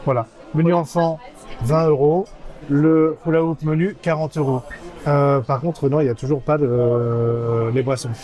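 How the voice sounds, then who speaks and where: Here the host's voice is a little high and mellow, moving at a moderate pace with fairly even intonation. He's filming a casual vlog in an American-style diner, reading out the menu with many hesitant fillers and teasing his companion in a warm, playful manner.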